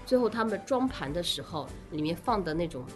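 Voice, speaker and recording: A woman's voice: lowish voice, big pitch swings, a little fast, over music. A woman speaking as an interview guest, explaining things casually step by step. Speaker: guest, association president.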